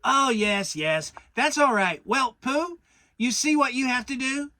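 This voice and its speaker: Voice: sits high, unhurried, sharp tone, no room sound, studio quality, pitched above the performer's own voice. A narrator voicing a bossy, self-important male rabbit, pompous and emphatic, in a children's storybook. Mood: brisk.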